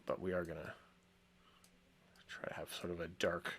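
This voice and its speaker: A man co-hosting a casual design show, thinking aloud as he works, with frequent ums and soft chuckles. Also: sits low, flat delivery, normal speed, gravelly, a little hiss or hum. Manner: rambling, chuckles often, many ums. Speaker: co-host working in software.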